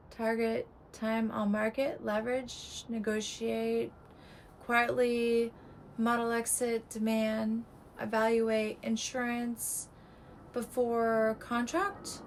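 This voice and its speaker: Slow, clipped woman with a strained voice. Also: a little high, slight background noise, poor audio. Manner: clipped, terse delivery in short fragments. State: voice giving out, strained. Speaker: real estate agent. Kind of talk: scripted market breakdown.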